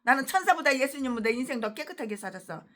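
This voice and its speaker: A woman voicing a smug, self-righteous male pastor in a rapid, mocking tone within a sermon. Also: high voice, sing-song, fairly bright tone. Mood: boastful.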